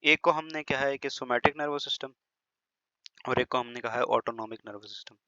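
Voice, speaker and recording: A man's voice: mid-range voice, pushed and bright, dry recording. A man teaching a biology lesson in a classroom lecture style, chatty, with teasing asides and frequent checks that students follow. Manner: slows down and over-stresses words when demonstrating pronunciation. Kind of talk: classroom-style lecture in Hindi-English mix. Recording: slightly dull, lo-fi, dry recording.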